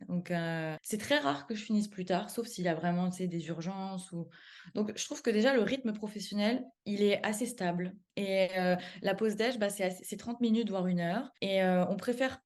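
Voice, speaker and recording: A woman's voice: mid-range voice, moderate pace, a little mellow. A young woman from France with a French accent, talking casually as a podcast guest, full of fillers and restarts. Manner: chatty, many fillers and self-corrections, laughs easily. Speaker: guest, public relations adviser. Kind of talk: casual chat.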